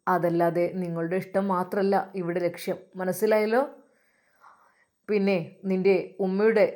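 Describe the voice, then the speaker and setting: Woman doing a pushy boss guy, low and coaxing, insists on getting his way. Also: a little mellow, lightly acted. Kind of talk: storytelling voice acting.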